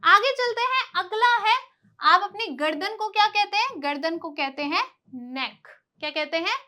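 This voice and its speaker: Very high, bright-voiced woman teacher. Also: normal speed. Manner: drills by asking and answering her own questions; explains patiently, stressing pronunciation. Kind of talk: vocabulary lesson.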